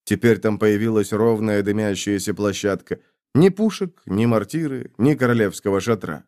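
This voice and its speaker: A man reading a fantasy audiobook aloud, voicing all the characters himself and shouting their battle orders. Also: on the low side, normal speed. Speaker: audiobook narrator.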